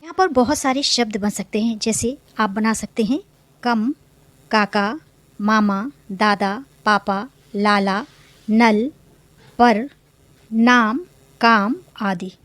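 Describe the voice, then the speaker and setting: A young adult woman teacher explaining a children's lesson, drawing out each syllable slowly. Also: on the high side, fairly bright tone, no echo. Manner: slow, drawn-out syllables for young learners.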